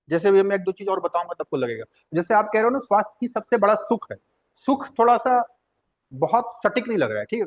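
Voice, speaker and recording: A man teaching a Hindi translation lesson, explaining at length, repeating words, spelling them out, and asking questions that he then answers himself. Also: sits high.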